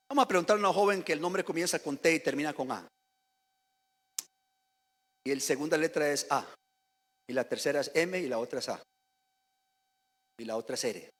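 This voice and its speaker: A Costa Rican man leads a Sunday service as pastor, asking his congregation questions directly and prompting them to echo his words. His voice is high-pitched and fairly bright, and the church sanctuary adds hall reverb.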